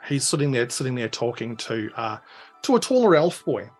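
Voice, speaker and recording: A man's voice: mid-range voice, very animated, moderate pace, soft background music. A young man narrating as game master, rambling with lots of fillers. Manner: rambling, many fillers, chuckling.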